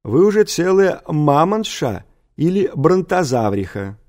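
A man's voice: on the high side, big pitch swings, unhurried, darkish tone, pitched above the performer's own voice. A man voicing a good-natured old male history teacher who mumbles, lisps and fills his speech with "uh, er". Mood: mock lecturing. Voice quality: mumbling, lisping, full of "uh, er" fillers. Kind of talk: audiobook character voice.

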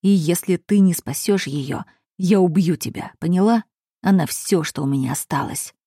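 A woman voicing a grief-crazed middle-aged nobleman father who shouts, accuses and threatens. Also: on the low side, moderate pace, slightly rough, no echo, clean studio sound. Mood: threatening.

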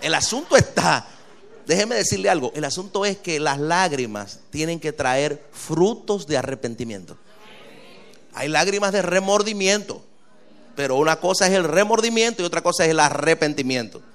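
A male pastor, preaching a sermon with lively, rising delivery and quick asides. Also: a little high.

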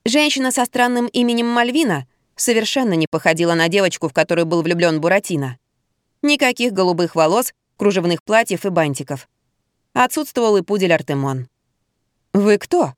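A woman narrating a first-person audiobook in a lively way, jumping higher on the heroine's own lines. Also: fairly quick, no echo, clean studio sound.

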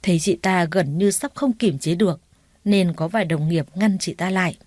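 A woman reading a first-person story aloud in a steady storytelling voice. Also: on the low side, moderate pace, no echo, clean studio sound. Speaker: narrator. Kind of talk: audiobook story narration.

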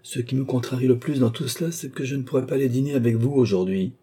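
A man's voice: mid-range voice, quick pace, dark tone, slightly rough, voice pushed up, natural voice. A man voicing a cheerful, unlucky young working man with a folksy, self-mocking way of talking. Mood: rueful.

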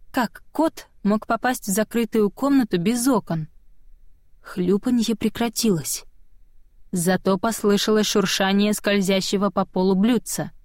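A woman's voice: medium pitch, darkish tone, no echo, clean studio sound. Woman narrating an audiobook in first person.

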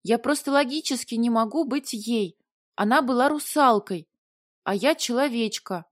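A flustered young heroine chatters in a high, squeaky, whiny voice, put on by a woman reading the audiobook. The voice is close and dry. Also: moderate pace, dry recording, natural voice. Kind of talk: audiobook character voice.

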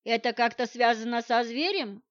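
A caring, firm woman friend, read by a woman narrating a storybook, speaks soothingly yet insistently. Her voice sits a little high, and the audio is dull and lo-fi. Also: normal speed, lightly acted. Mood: concerned. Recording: dull lo-fi sound.

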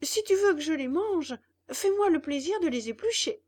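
Woman doing Pinocchio, a high whiny puppet boy. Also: lively intonation, normal speed, a little mellow. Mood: fussy. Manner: whining and demanding, fussy. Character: whiny hungry boy puppet, bratty and fussy. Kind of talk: storybook reading.

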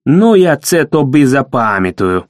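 A man voicing a hoarse, mocking young village bully with Ukrainian-mixed speech. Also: sits high, lively intonation, normal speed, dry recording, studio quality, voice pushed up. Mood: menacing. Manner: mocking, taunting village dialect.

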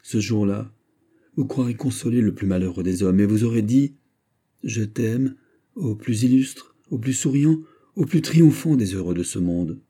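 A man's voice: on the low side, a little fast, mellow, breathy edge. A man voicing a proud, passionate minister in an audiobook reading, speaking in an ardent, declamatory way.

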